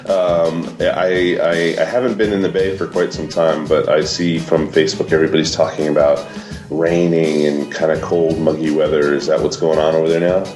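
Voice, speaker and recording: A man with a deep voice chats casually as a podcast co-host. His tone is clearly nasal, like someone pinching his nose, and the room adds a noticeable echo. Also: level tone, moderate pace, music in the background. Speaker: podcast co-host, marketing agency CEO. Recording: roomy echo.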